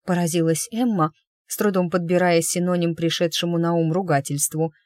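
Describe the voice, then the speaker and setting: A woman narrating an audiobook in an even, measured storytelling manner. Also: on the low side, dry recording, clean studio sound. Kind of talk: scripted narration.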